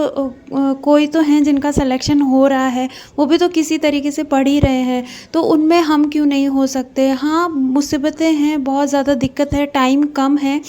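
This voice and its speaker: Brief: young woman vlogger, high voice with a mellow tone, chatty, calls viewers friends. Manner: chatty, addresses viewers as friends, frequent hesitations. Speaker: vlogger studying for an exam while raising a child. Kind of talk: casual talk to viewers.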